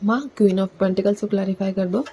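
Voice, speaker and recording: A woman's voice: mid-range voice, flat delivery, fast talker, dark tone, breathy edge, low-quality recording. A woman giving a casual collective tarot reading to her viewers, talking in a chatty way and often adding "theek hai" as a filler. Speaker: tarot reader.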